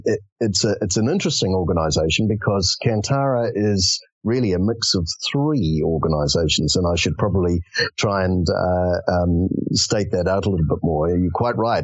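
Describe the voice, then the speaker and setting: A man's voice: low-pitched, no echo, muffled recording. A man with a New Zealand accent, a podcast guest explaining his organization in a conversational, hesitant way with many fillers. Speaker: podcast guest, executive director. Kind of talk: conversational interview.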